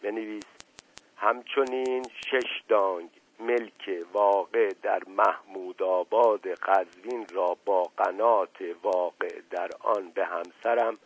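A man's voice: on the low side, steady tone, husky. A man voicing a self-pitying bedridden older man who groans and pleads, on a storybook radio reading. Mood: groaning. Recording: tinny phone-like old radio broadcast.

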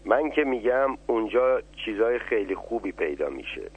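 A weak, pleading starving sparrow in a radio storybook, read by a man, husky, phone-thin sound. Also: fairly low pitch, very animated, exaggerated voice. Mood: hungry. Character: starving impatient little sparrow. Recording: tinny phone-like radio line.

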